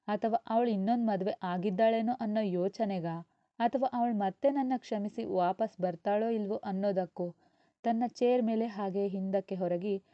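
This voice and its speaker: A woman narrating a serialized story in a steady, expressive reading voice. She is close to the mic in a dry space, and the recording sounds dull and lo-fi. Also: mid-range voice, dry recording.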